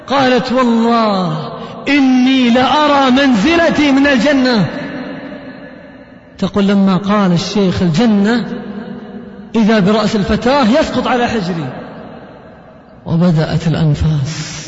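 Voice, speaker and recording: A male preacher tells a story with passion in a sermon and chants verses slowly. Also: very high-pitched. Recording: echoey hall, muffled lo-fi tape.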